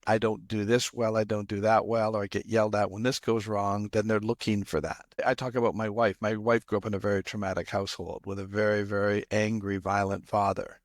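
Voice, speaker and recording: A man's voice: lowish voice, level tone, fairly quick, few pauses, dry recording, studio quality. A man hosting a podcast, explaining and telling stories in casual conversation. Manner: storytelling, explanatory. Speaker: podcast host.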